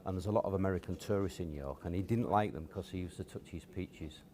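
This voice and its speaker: A man, a guest telling stories from his upbringing in a relaxed, hesitant way with many fillers. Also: deep voice, fast, slight background noise. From Cottingham, near Hull, England. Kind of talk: casual storytelling interview.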